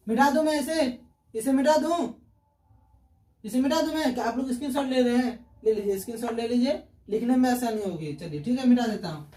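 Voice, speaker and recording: With a very high, warm voice, a male teacher delivers an online grammar lesson, posing questions and answering them himself while repeating key terms. The recording has a roomy echo, and he sounds distant from the mic.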